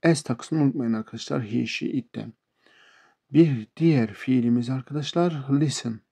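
Turkish-accented male English teacher, patient and repetitive, gravelly and husky. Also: medium pitch, mellow. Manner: slow, repeats words and example sentences. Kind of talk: explaining English verbs to beginners.

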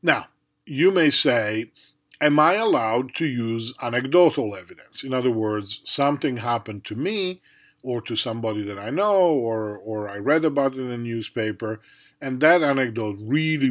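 A man's voice: medium pitch, animated, moderate pace. A middle-aged man lecturing as a university professor in a conversational way, with many fillers and tag questions. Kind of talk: recorded lecture.

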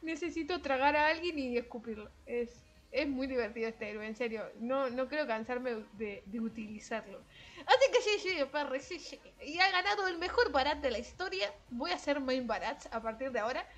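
A young woman, giving excitable, self-mocking commentary over her own gameplay and laughing easily. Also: high-pitched, moderate pace. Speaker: gaming streamer.

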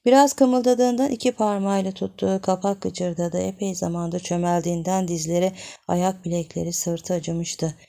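A woman narrating a literary audiobook in a measured, expressive storytelling manner. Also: on the low side, vocal fry.

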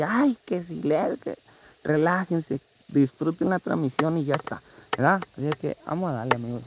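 A Mexican man live-streaming a vlog in casual chat, teasing and swearing freely. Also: a little high. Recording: noisy live-stream audio.

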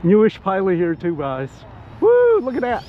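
A hobbyist RC pilot and vlogger flies a model plane at an outdoor flying spot in wind and rain, whooping and excitedly talking to viewers at a moderate pace in a high-pitched voice. The outdoor audio is muffled, with background noise.

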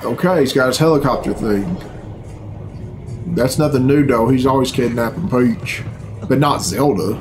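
This is a reaction video host, a middle-aged man whose casual commentary comes out as a sarcastic, bemused, profane grumble. His mid-range voice moves at a normal speed against a noisy background, which includes video game cutscene music. He's recording indoors in a small bedroom.

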